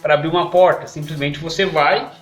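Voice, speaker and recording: A man's voice: fairly high pitch, fairly even intonation, fairly quick, faint music behind. A man giving an online English lesson, who keeps checking in with "ok?" and "perfeito?". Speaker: English teacher.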